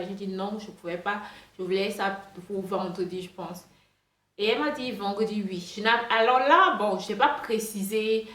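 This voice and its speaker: A woman vlogger telling a storytime in a rambling, chatty way, speaking French with a noticeable non-native accent. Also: mid-range voice. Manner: rambling, chatty, many fillers and restarts. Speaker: hair vlogger. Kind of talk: casual storytime monologue. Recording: roomy echo with faint music.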